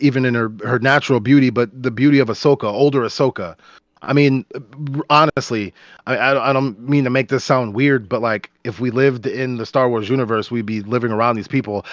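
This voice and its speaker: Excitable rambling man, dry dull sound. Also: medium pitch, brisk, dry recording. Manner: excitable, rambling with many restarts. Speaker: podcast co-host. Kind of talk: casual chat.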